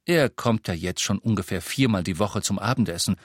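A man voicing a calm, firm father seeing his sons off. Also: on the low side, a little fast, no echo, clean studio sound, close to an everyday voice. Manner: firm, reassuring.

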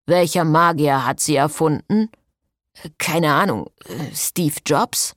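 A woman's voice: deep voice, lively intonation, slow, fairly bright tone, no room sound, studio quality, full character voice. A woman voicing an exhausted, sarcastic young male former priest in an audiobook. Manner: sarcastic, strained.

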